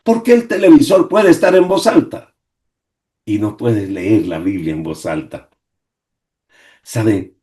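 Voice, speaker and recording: A man's voice: mid-range voice, warm tone. A man preaching a devotional sermon over a video call, dramatic, with rhetorical questions and swinging emphasis. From Colombia.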